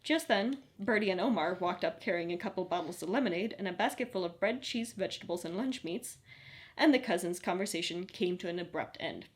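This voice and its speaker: A woman narrating a story in an even, audiobook-style read. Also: on the low side, fairly quick.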